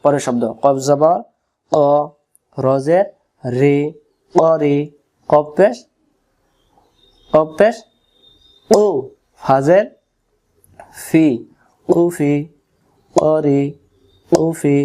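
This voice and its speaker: A man teaching Quran reading, drilling each letter sound slowly and repeating it again and again, with homely asides. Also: a little high, warm tone. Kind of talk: slow letter-by-letter recitation lesson.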